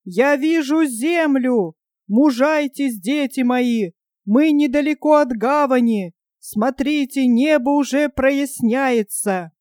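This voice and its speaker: Giant hero-prince, commanding, rallying, voiced by a woman reader, high, close. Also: slow, no room sound. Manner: loud, rallying calls.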